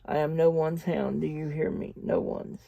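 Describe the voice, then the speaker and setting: Man voicing a defiant young man, harsh and gravelly, dark tone. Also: on the high side, level tone, normal speed, dry recording. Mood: angry. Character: young man, frightened and angry. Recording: dull lo-fi dry recording.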